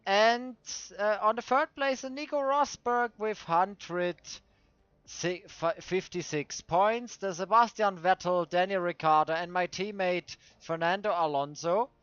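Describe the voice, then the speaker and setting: A man with a Swiss German accent, a native German speaker, hosting casual gameplay commentary and searching for his words in halting English. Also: high voice, fairly bright tone, clear, resonant tone, dry recording. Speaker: host of a racing game video series. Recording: dull lo-fi dry microphone.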